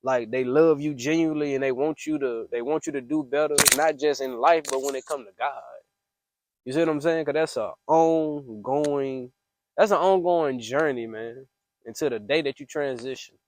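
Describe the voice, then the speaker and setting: A man's voice: medium pitch, normal speed, a little mellow. A man talking casually and emphatically about his own reflections in a voice memo, with slangy phrasing and an earnest, preachy manner. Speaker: speaker sharing personal faith reflections. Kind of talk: casual spoken voice memo, venting and testimony. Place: close, dry voice memo recording.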